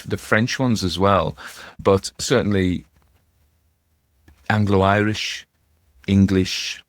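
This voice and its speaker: A deep-voiced man who hosts and narrates ghost story readings offers rambling, informal literary commentary, musing aloud, breaking off his own sentences, and dropping wry asides in a conversational way. The recording is dry and clean, with studio sound.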